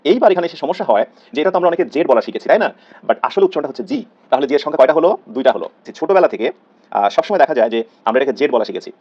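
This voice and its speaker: A man's voice: medium pitch, expressive, rapid-fire, darkish tone. A man with a Bangladeshi Bengali accent teaching an online English grammar class, earnest and drilling pronunciation by repeating each sound. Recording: slightly dull, lo-fi audio.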